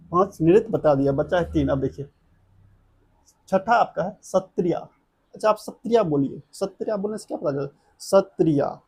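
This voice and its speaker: A man's voice: high voice, a little mellow, husky. A man, teaching an exam coaching lesson. He drills a memory trick through chanted repetition and keeps checking that the class follows.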